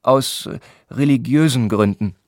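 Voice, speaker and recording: A man's voice: mid-range voice, unhurried, creaky, no room sound, studio quality, voice pushed up. A man playing a stiff, reserved young patient. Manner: curt, reserved, formal.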